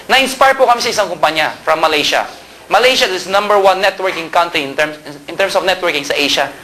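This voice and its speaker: A man with a high, bright, forceful voice gives a joking sales presentation to an audience. He is from Pangasinan in the Philippines and tells lively stories, tossing rhetorical questions at the crowd. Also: a little fast, a little hiss or hum. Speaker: company co-owner presenting to a seminar audience. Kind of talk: humorous motivational sales talk.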